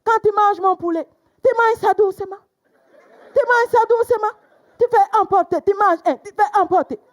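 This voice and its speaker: A woman voicing an angry male friend who scolds and shouts threats in a stand-up routine. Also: mid-range voice, fairly even intonation, fast, close to an everyday voice. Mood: furious.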